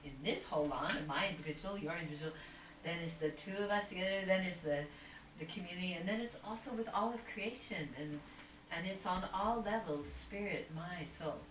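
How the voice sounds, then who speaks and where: A brisk woman with a lowish voice, a guest on a video call, talks at length in casual conversation, rambling and searching in a spiritual vein with many restarts. Faint noise and a roomy, distant mic mark the recording.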